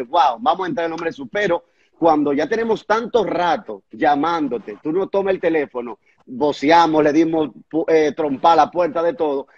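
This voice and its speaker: A pastor telling a testimony in an earnest, conversational way, stumbling over and repeating words at the hardest moments. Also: male voice, a little high, a little mellow, breathy edge, highs cut off. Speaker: pastor and guest recounting a testimony.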